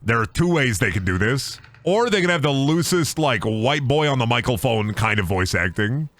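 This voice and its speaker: Animated, crude-joking man streaming a game. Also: medium pitch, moderate pace, no echo. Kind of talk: comedic let's-play commentary.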